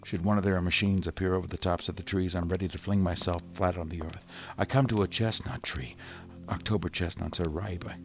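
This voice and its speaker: An actor playing an exhausted, scholarly survivor of a Martian invasion in a halting, grave radio drama style. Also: male voice, low-pitched, steady tone. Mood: haunted wonder.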